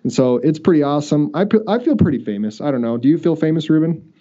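Man, podcast host, casual chat, rambling, mellow dark voice, dull lo-fi sound. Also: on the high side, animated, quick pace. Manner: chatty, rambling with restarts. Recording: dull lo-fi audio.

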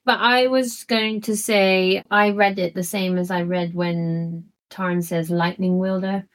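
Animated laughing woman podcast host. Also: lowish voice, slow pace. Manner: animated, laughs often, acts out lines. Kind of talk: casual book discussion.

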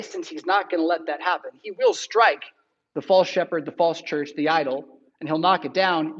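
A man preaches a sermon in a loose, conversational way, breaking up his scripture reading with quick "right?" asides. His voice sits high for a man. The recording sounds dull and lo-fi. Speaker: pastor.

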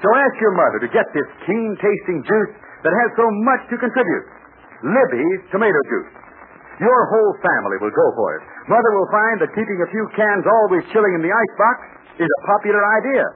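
A man announces like an old radio announcer of the 1940s, through a thin, phone-like band with faint noise. His voice sits fairly high and swoops with animated, earnest salesmanship. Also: brisk. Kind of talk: 1940s radio announcer, scripted narration and sponsor pitch. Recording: noisy, muffled old radio recording.

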